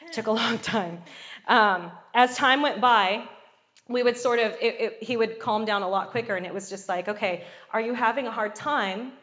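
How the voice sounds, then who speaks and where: A woman's voice: fairly high pitch, normal speed, fairly bright tone. Woman preaching, asking "Amen?". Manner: conversational, frequent call-and-response "Amen?" and "okay?". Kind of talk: sermon.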